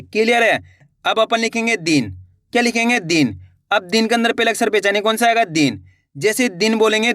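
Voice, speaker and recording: A young man teaching Hindi reading in an online lesson, slowly sounding out syllables, patiently repeating words and asking the listener questions. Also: sits high, fairly bright tone, no echo, studio quality.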